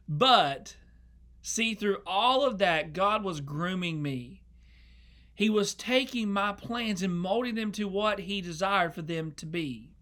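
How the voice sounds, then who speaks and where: Earnest young pastor, bright voice. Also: male voice, high voice, lively intonation, slow. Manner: earnest, emotional, repeats words. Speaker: associate pastor. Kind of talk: sermon. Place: church sanctuary.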